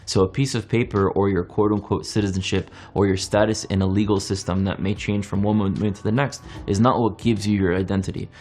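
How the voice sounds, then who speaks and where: A young man born in France, giving an earnest monologue that builds rhetorical questions and long steady lists. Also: on the low side, brisk, few pauses. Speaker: speaker. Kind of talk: reflective monologue.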